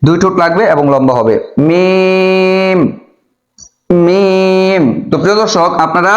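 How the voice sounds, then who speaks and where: A man's voice: fairly high pitch, a bit bright. A man teaching a step-by-step lesson on Arabic letters, patient and repetitive, drawing out each letter sound. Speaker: Quran teacher. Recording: echoey, dull room sound.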